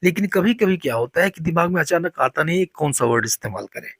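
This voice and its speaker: A man teaching spoken English, saying each model sentence slowly and deliberately. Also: a little high, animated, fairly bright tone, slightly rough, no room sound.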